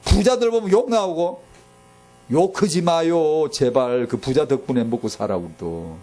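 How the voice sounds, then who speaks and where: A man's voice: a little high, expressive, normal speed. A male pastor preaching with passion, repeating words for emphasis and dropping to a near-murmur at times. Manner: impassioned, repeats words for emphasis, swings from loud to very soft. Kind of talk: sermon.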